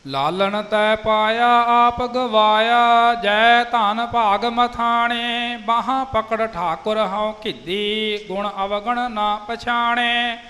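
A man reciting scripture in a slow, half-sung chant with a steady delivery. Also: high-pitched. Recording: long reverb with faint music.

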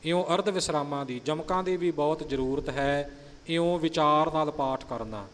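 A man patiently explaining how to pronounce and pause in a recitation, demonstrating each phrase carefully. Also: fairly high pitch, in a large hall. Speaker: recitation teacher. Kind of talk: explanatory teaching on pronunciation.

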